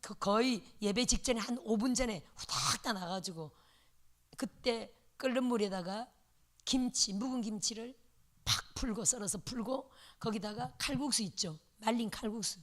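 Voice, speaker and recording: Speaking at a normal pace with a fairly high voice, a middle-aged female pastor gives a lecture-style sermon. Her storytelling is lively and full of playful sound effects.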